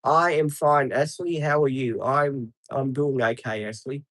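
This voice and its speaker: A man's voice: mid-range voice, steady tone, measured pace, fairly bright tone, no room sound. A man, live streaming outdoors beside traffic and chatting casually with viewers, rambling with many ums and answering people by name. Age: 50s.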